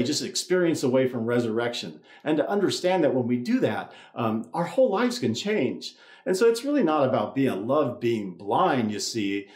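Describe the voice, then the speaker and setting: A man's voice: medium pitch, darkish tone. Man preaching in an echoey church. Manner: conversational, with many restarts and repeated words. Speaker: priest. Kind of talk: Easter sermon with a told joke. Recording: roomy church echo.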